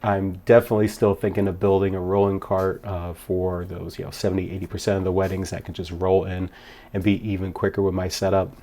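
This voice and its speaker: A man's voice: low voice, little pitch movement, a little fast, dark tone. A man who works as a wedding DJ, talking casually to camera in a vlog. He rambles upbeat with many fillers and is a little out of breath. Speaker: wedding DJ vlogging a gig log.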